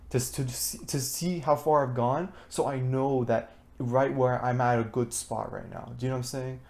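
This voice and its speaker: A teenage boy with a mid-range, darkish voice talks to the camera for his diary vlog. He's a student who rambles along, full of fillers and restarts.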